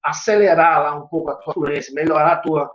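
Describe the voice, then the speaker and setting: A man's voice: fairly high pitch, steady tone, brisk, over a noisy crowd. A man teaching English in an online lesson, explaining step by step and repeating short phrases aloud. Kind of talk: online lesson with screen demo. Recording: echoey room, dull lo-fi sound.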